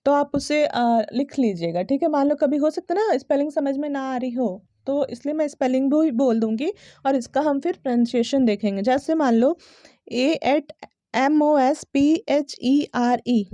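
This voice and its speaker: A woman teaching English pronunciation in a casual spoken lesson. She spells words out letter by letter, says them slowly and often checks that her listeners are following. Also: high voice, dark tone, no room sound.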